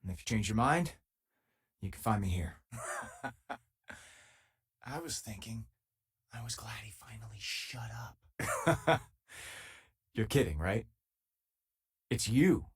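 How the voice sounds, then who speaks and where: A man voices a game companion, an easygoing, wry spacefaring crewmate who is loyal and self-deprecating, in naturalistic video game lines. His husky, medium-pitched delivery is casual and dryly joking, shifting from flustered and resigned to dry and easygoing.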